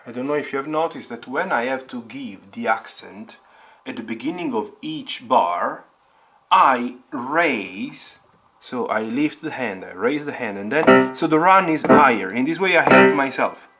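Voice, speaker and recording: A man's voice: mid-range voice, expressive, measured pace, bright, forceful tone. A man teaching piano step by step, patiently naming notes and fingerings and repeating the key points. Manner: names notes and fingerings aloud.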